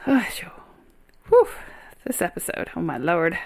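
Lively candid woman podcast co-host. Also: fairly low pitch, unhurried, gravelly. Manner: animated and candid, laughs easily. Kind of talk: frank casual chat.

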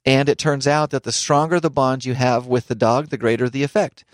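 A man's voice: medium pitch, fairly even intonation, fairly quick, no room sound. Man, radio host, upbeat banter, dry close studio sound. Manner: cheerful, reads tips aloud with banter. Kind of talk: upbeat scripted talk show. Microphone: studio microphone.

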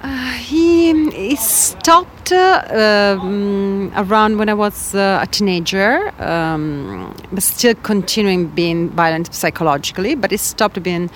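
A woman's voice: mid-range voice, takes it slowly, hardly any pauses, a little hiss or hum. A woman from Italy, speaking as a guest in an interview, hesitant with many fillers and repeated words for emphasis. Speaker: guest activist. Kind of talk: interview conversation.

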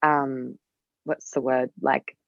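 Speaking candidly as a guest in a casual podcast interview, a young Australian singer-songwriter rambles and keeps saying "like." Her voice is extremely low, level, slow, and creaky, captured in dull audio with no room sound.

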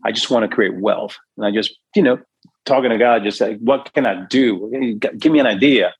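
A man's voice: fairly low pitch, brisk, slightly rough, dry recording, poor audio. A middle-aged man from New York, a real estate investor and guest, telling his life story earnestly and acting out the voices in his head. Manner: earnest, acts out his own inner voice. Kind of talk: emotional storytelling.

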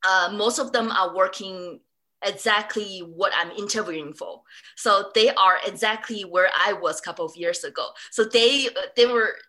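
A woman's voice: medium pitch, normal speed, pushed and bright. A woman from Singapore speaking in a casual interview, chatty with many fillers and restarts. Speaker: interviewee, former student.

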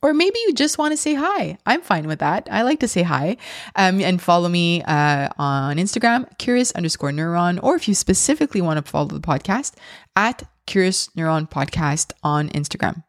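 A woman's voice: fairly low pitch, expressive, moderate pace, no room sound, studio quality. A woman in her thirties hosting a solo parenting podcast, talking candidly and reflectively with some restarts. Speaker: podcast host.

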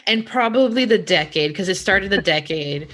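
A woman hosting and moderating a panel conversation in a friendly, halting way, mixing Spanish words into her English. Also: medium pitch, animated, a bit bright. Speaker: host.

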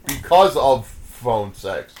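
A man talking as a guest on his wife's podcast, thoughtful and halting, with many restarts. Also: medium pitch, sing-song, darkish tone. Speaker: guest, host's husband. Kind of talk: casual chat.

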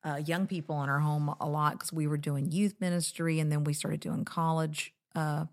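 A woman's voice: sits low, flat delivery, moderate pace. A middle-aged woman co-hosting a casual, reflective conversation, with frequent conversational asides. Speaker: co-host of a marriage show.

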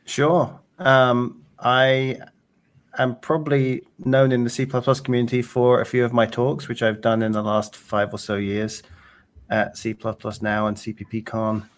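A man's voice: mid-range voice, little pitch movement, measured pace. A middle-aged man chatting casually as a guest in a podcast interview. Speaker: podcast guest, programmer and conference speaker.

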